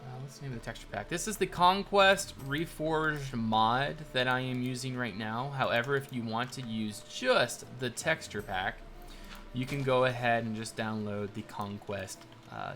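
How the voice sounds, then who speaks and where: A man with a bright, forceful voice hosts a live stream, thanking new followers and rambling through viewer questions. His relaxed talk drifts from topic to topic, with faint game music playing under it. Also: medium pitch, a little slow. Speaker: livestream host building in a game. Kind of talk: casual live commentary reading chat. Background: faint game soundtrack music.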